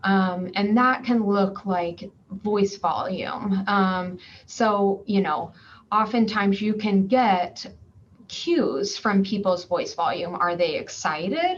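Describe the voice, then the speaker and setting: A woman clinician giving a conference talk, explaining clearly and patiently with frequent ums and worked examples, over a video-call mic. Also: mid-range voice, animated, takes it slowly. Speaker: clinician presenting at a conference session. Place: home or office, remote virtual session. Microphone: computer mic on a video call. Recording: slightly dull virtual-conference audio with faint background noise.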